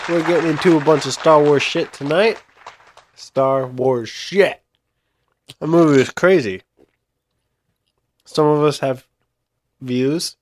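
A man's voice: on the high side, fairly even intonation, a little slow, long pauses. A man hosting a casual podcast chat, with noise and chatter behind him. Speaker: podcast host.

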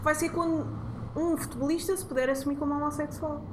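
A woman's voice: high voice, steady tone, brisk. A young woman with a European Portuguese accent chats casually as a podcast host, emphatic and often questioning. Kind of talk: casual conversation. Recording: roomy echo, noticeable background noise.

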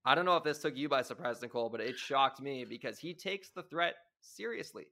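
A man's voice: medium pitch, expressive, a little fast, creaky, pushed and bright. A man hosting a podcast, talking through details in an enthusiastic, analytical way in casual chat. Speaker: podcast host.

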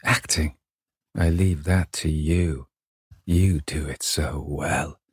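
A man doing a cold, bitter young gentleman. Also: rumbling low, breathy edge, no room sound, clean studio sound, heavily acted. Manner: bitter, slow and quiet.

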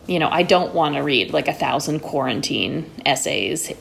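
A woman novelist talks as a guest in a casual chat, often restarting her sentences and filling gaps with "like" and "you know." Her voice sits slightly low. She was raised in New York. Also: lively intonation, vocal fry, slight background noise. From Connecticut-born, raised in New York. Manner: halting, restarts, many "like" and "you know" fillers. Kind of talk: casual conversation.

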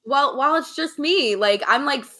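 A woman's voice: sits high, animated, normal speed, bright, forceful tone. A woman in her twenties, a podcast guest, chatting playfully with lots of giggles and fillers. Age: 20s. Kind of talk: casual podcast chat.

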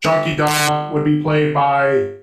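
Bossy beeping robot a guy puts on, computer-processed voice, highish and slow. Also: completely flat delivery. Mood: commanding. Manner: slow, announcing, makes beeping sounds. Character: bossy male robot game-show picker. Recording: echoey with loud guitar music.

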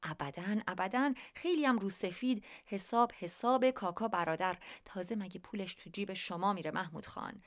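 A courteous, humble husband greets a guest with polite, measured words, as a woman reads his part. The voice stays close to the reader's own, in a middle pitch. It belongs in a read-aloud storybook. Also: a bit bright, lightly acted. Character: polite, deferential man of the house. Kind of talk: storybook reading.

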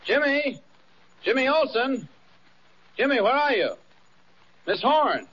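Old radio: a worried hero, high and swooping, calling from off-mic, muffled. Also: male voice, wildly swooping pitch, a little slow, a bit bright, a little hiss or hum, heavily acted. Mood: urgent. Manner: calling out, urgent coaxing. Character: anxious heroic man searching, coaxing a dog. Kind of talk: 1940s radio acting.

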